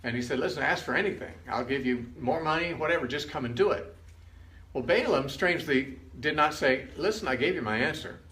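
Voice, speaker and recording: Older man teaching Bible stories, bright tone. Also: fairly high pitch, a little fast. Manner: conversational, acts out quoted lines casually. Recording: roomy with faint background noise.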